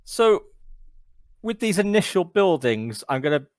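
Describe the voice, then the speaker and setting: A man's voice: high voice, very animated, measured pace, dry recording. A man, joking and swearing as he walks his friends through the rules of a board game over a voice call. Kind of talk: casual gaming chat over voice call.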